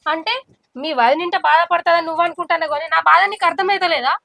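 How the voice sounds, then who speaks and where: A woman acting out a sharp-tongued village wife in a short film. Her voice is very high and bright, and she complains at speed. The sound is dry and close. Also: fast talker, vocal fry, dry recording, heavily acted. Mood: bitter. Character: resentful village wife, mother of a small girl. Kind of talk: village family drama acting.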